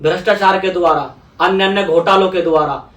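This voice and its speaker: Brief: young male politician, higher voice, earnest explainer, mic at a distance. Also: fairly even intonation, a little fast, fairly bright tone. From India. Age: young adult. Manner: earnest, explanatory, repeats phrases for emphasis. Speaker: politician guest. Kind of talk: conversational interview. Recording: echoey room, voice away from mic.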